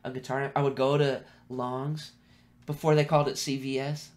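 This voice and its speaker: Interviewed as a guest, this Bay Area musician from California talks with a Californian accent in a mid-range voice at a moderate pace. His storytelling is casual and full of slang, and he animates it by acting out snippets of dialogue.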